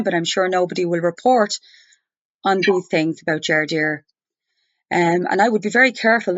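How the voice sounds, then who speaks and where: A woman speaking over the phone, challenging someone in an insistent, deliberate, argumentative way. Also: lowish voice. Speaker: complainant challenging a journalist. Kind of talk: confrontational phone conversation. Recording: muffled, roomy recorded phone call.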